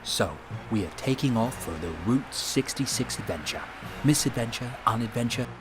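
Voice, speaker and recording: A man's voice: medium pitch, lively intonation, moderate pace, natural voice. A man voicing an easygoing dog that narrates a road trip, in a chatty, playful documentary narration. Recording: music underneath.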